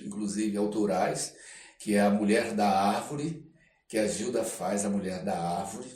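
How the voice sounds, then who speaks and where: An older man with a Brazilian accent, an actor and screenwriter appearing as an interview guest, tells anecdotes in a halting, reflective, casual way during podcast storytelling. His voice is fairly low and a little mellow, picked up by a distant microphone with roomy echo.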